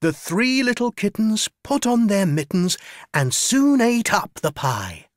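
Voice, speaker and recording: A woman reciting nursery rhymes in an expressive storytelling manner. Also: medium pitch, a little slow, no room sound, clean studio sound. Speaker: rhyme reader.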